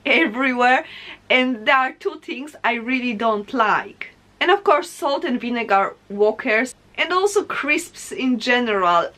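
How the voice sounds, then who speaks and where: A young Polish woman with a Polish accent delivers a casual vlog monologue to camera, chatting animatedly with her viewers. Her voice is fairly high, pushed and bright.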